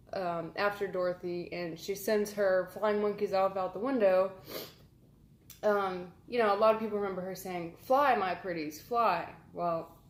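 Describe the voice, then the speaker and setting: A woman talks to camera in a loose, rambling way. She leans on fillers and sounds amused. Her voice sits at a middling pitch, and the recording has a roomy echo. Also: a little hiss or hum. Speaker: vlogger. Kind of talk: casual chatty vlog.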